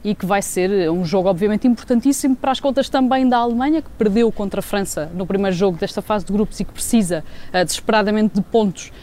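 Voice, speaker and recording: A woman with a European Portuguese accent giving a semi-spontaneous live report as a sports correspondent, often pausing mid-phrase. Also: medium pitch, mellow. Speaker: sports journalist, special correspondent.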